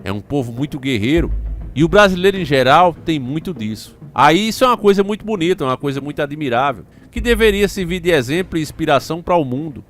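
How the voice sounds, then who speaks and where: A man's voice: a little high, expressive, fast, a bit bright. A man hosting a channel, giving opinionated commentary on news stories, reading excerpts aloud and answering them with rhetorical questions. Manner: addresses listeners as "meus irmãos".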